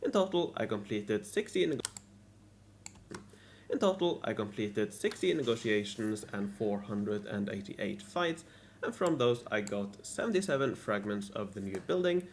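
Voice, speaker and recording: A man's voice: fairly low pitch, sing-song, moderate pace, a little hiss or hum. A man narrating a scripted recap of his strategy game week, restarting and repeating his lines. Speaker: gaming video creator.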